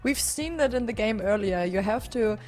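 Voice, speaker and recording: A woman's voice: mid-range voice, expressive, normal speed, a little mellow. A woman co-casting a live esports stream, upbeat, with many "uh" fillers. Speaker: esports co-caster.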